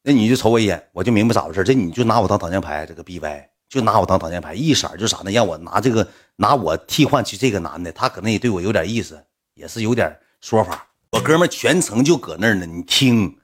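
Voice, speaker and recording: A man telling a story casually, in animated slang that swings into loud retorts. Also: lowish voice, quick pace, husky.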